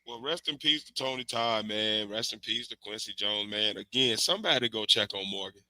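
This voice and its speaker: A man with a lowish voice speaks at a moderate pace with no room sound. He's a podcast host bantering in a loose, animated, slangy way while getting through a cold, recorded on a remote stream mic.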